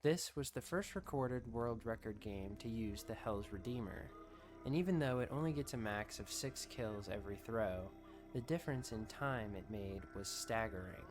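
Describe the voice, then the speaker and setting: Guy doing scripted documentary style video narration, kinda low voice, faint music behind. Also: moderate pace.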